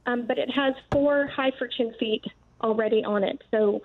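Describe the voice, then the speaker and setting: A woman's voice: on the high side, normal speed. A woman phoning in as a product's inventor, explaining it politely, practically and step by step. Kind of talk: explanatory product demonstration by phone. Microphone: phone call into live show. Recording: tinny, narrow phone line.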